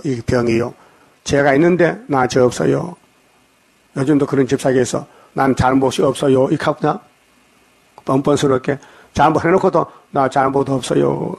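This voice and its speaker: A man preaching a dawn sermon, reading verses and scolding his listeners, often checking in with a quick "eh?". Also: mid-range voice, darkish tone. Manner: scolding, jokes at the congregation. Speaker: pastor. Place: church.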